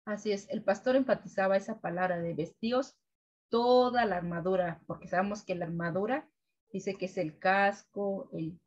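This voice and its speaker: A woman leading a weekly Bible devotional, preaching gently and ending nearly every sentence with a questioning "right?". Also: medium pitch, fairly even intonation, normal speed, muffled recording. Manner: keeps adding "right?" tags, gentle repetitive preaching. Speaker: devotional co-host.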